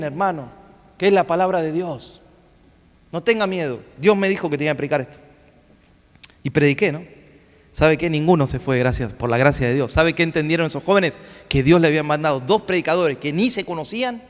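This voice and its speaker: A man preaching a sermon in a church, telling a story and asking the congregation questions, often restarting his words. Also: a little high. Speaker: guest preacher. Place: church sanctuary. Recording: long church hall reverb.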